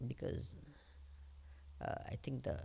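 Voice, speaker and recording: A woman's voice: slow pace, mellow. A woman with an Indian accent giving a spiritual discourse as a teacher, explaining step by step, repeating points and checking that listeners follow. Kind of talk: spiritual discourse with question and answer.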